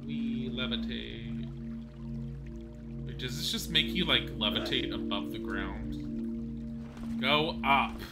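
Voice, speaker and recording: Over loud music, a medium-pitched man in his forties takes it slowly with long pauses, rambling and chatting casually with viewers as he plays on stream. He laughs at his own mishaps along the way.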